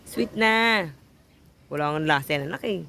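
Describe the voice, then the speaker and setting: A woman's voice: fairly low pitch, lively intonation, normal speed, vocal fry, bright, forceful tone, a little hiss or hum. A woman with a Filipino accent chats casually at home in mixed Tagalog and English, teasing and coaxing like a parent. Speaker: parent filming a child's taste challenge.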